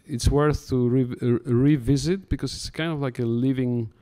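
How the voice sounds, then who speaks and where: Speaking at a moderate pace, this man has a steady, medium-pitched voice with a dark quality. He is a curator in conversation, addressing listeners in a talk room with casual remarks full of stammered restarts.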